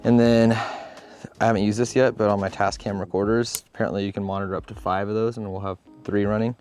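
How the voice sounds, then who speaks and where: A man's voice: fairly low pitch, little pitch movement, fast, darkish tone, soft background music. A man chatting on set outdoors on a farm while explaining his video gear to a friend. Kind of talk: casual on-set chat. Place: outdoors on a farm in wind and rain.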